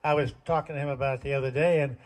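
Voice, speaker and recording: A man's voice: mid-range voice, fairly even intonation, very fast. An older man telling folksy, self-deprecating jokes as stand-up comedy at a community talent show.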